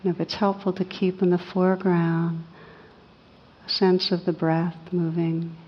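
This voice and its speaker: Slow, low-pitched woman guiding meditation. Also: little pitch movement, breathy edge. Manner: soothing, unhurried, with long pauses between short phrases. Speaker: meditation teacher. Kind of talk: guided meditation. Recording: muffled, reverberant hall recording.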